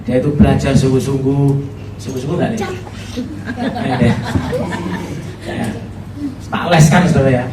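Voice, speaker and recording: A man's voice: medium pitch, normal speed, long pauses, noisy background. A middle-aged man with a Javanese accent, preaching a chatty, humorous sermon as a pastor. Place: church hall. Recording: echoey hall, voice from far off.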